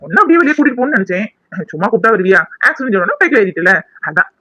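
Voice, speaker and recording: A man's voice: high-pitched, very animated, racing, bright, forceful tone, dry recording, dull audio, heavily acted. A man voicing a young man in a cartoon, a spurned ex-lover who is mocking, sarcastic and scheming. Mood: dismissive.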